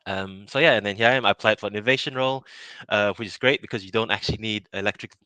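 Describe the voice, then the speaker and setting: A man's voice: on the low side, very fast, bright, forceful tone, clear, resonant tone, dry recording. A man from Malaysia in his thirties, answering interview questions casually, with many fillers, restarts and easy laughs. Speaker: innovation project lead.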